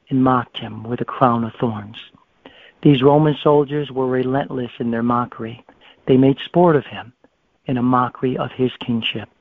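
An earnest man reads a devotional meditation at a steady, mid-range pitch. He stumbles and restarts now and then. The sound is dry and thin, like a phone line. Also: no echo. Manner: earnest, halting, occasional restarts. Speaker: radio show co-host reading devotions.

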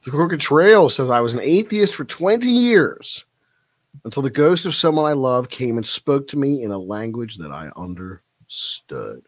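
A man's voice: mid-range voice, very animated, moderate pace, dry recording. Reflective man hosting a live stream. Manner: thoughtful, reflective, with frequent fillers. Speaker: livestream host. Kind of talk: casual livestream chat reading viewer comments.

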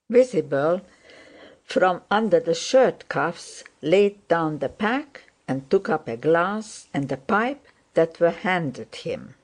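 A woman narrating a classic novel as an audiobook, with a measured, unhurried reading. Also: on the low side, darkish tone. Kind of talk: scripted narration.

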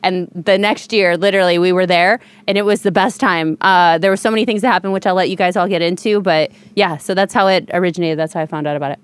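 A woman's voice: lowish voice, steady tone, quick pace, few pauses, clear, resonant tone. Chatty woman telling a rambling story. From Ohio, USA. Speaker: podcast guest. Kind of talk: casual storytelling.

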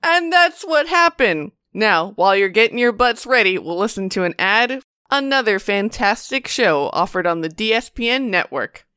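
A woman's voice: medium pitch, animated, moderate pace, bright, forceful tone, clear, resonant tone, no echo. A woman hosting a gaming podcast with playful, theatrical emphasis in her announcements and banter. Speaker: podcast host and player. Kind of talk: upbeat podcast announcements and recap.

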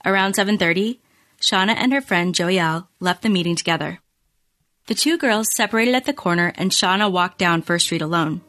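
A woman hosting a podcast, reading scripted true crime narration in measured, storytelling phrases. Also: lowish voice, fairly bright tone. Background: music bed.

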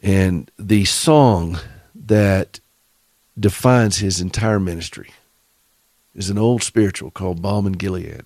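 A middle-aged Southern man with a low, darkish voice speaks slowly on a dry, echo-free recording. He hosts a radio show for caregivers, offering earnest, preacherly, faith-based encouragement and putting direct questions to his listeners.

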